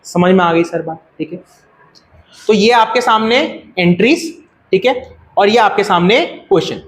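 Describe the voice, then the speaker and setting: A man's voice: high voice, moderate pace. A man with an Indian accent teaching a classroom lecture, asking the class questions and repeating their answers. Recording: echoey classroom.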